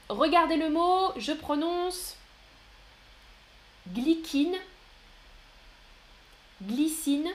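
Slow, encouraging woman teaching French. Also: high-pitched, a bit bright. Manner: slow, clear, encouraging, reads chat names aloud. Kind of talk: live online French lesson.

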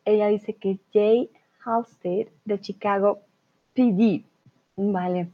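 A woman's voice: mid-range voice, fairly even intonation. A woman with a Colombian accent teaching a live online Spanish lesson, patiently explaining and often checking in with her students. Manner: patient, explains slowly with frequent "¿vale?" check-ins. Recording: tinny phone-like audio.

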